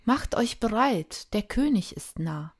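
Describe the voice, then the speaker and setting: A woman's voice: on the high side, animated, takes it slowly, gravelly, exaggerated voice. A woman voicing a fervent male prophet who calls out to crowds in a raised, emphatic voice, read from a children's storybook. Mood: urgent.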